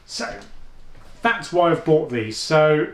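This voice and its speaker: At home indoors, a man with a deep voice chats through a casual headphone review vlog, thinking aloud with frequent restarts and fillers. His delivery is slow and sing-song, and the room sounds reverberant.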